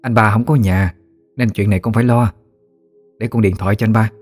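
A man voicing a practical middle-aged village aunt who talks briskly in a Southern Vietnamese accent. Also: on the low side, fairly even intonation, darkish tone, faint music behind, lightly acted. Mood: earnest. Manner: brisk, matter-of-fact.

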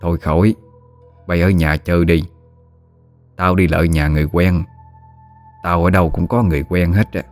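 A man voicing a calm, commanding older female exorcist with a Southern Vietnamese accent. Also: deep voice, moderate pace, long pauses, soft background music, lightly acted. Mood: firm. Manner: firm, matter-of-fact.

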